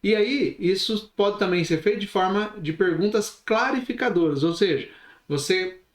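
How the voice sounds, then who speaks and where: A man's voice: sits high, moderate pace, echoey room. A man with a Brazilian Portuguese accent teaching a recorded online class, talking expressively and gesturing as he explains. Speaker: instructor.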